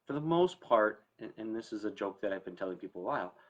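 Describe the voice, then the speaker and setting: A fast talker with a lowish, animated voice, this estate planning attorney hosts a story time talk on a muffled recording. He explains things to camera in an informal, conversational way, leaning on emphasis.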